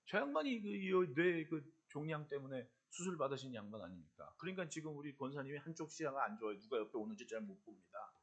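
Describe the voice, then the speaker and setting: A middle-aged male pastor preaching a sermon in church, swinging between loud exhortation and low, confiding asides. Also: slightly rough. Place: church sanctuary.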